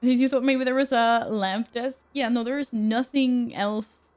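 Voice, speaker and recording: A woman's voice: a little high, steady tone, unhurried, darkish tone. A young woman from Sweden, chatting casually with her stream viewers from her apartment, reading their messages aloud and laughing often. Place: apartment room at home.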